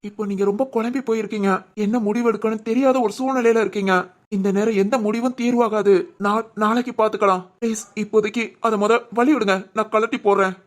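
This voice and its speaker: A woman voicing a gentle young husband in a dubbed cartoon drama, earnestly pleading and reassuring. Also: fairly high pitch, steady tone, fast, natural voice.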